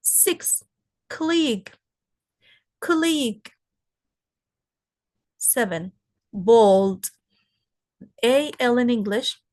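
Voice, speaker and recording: A woman teaching an English lesson, explaining slowly and asking her students questions as she goes. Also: medium pitch. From Palestine. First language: Arabic. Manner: slow, explaining, asks rhetorical questions. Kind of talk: recorded classroom lesson.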